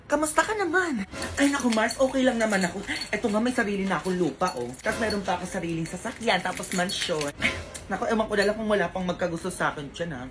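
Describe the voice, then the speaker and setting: Playing multiple roles in her own comic skit, a Filipino-accented woman shouts and scolds in an over-the-top way. Her mid-range voice moves quickly over a noisy background with music behind it.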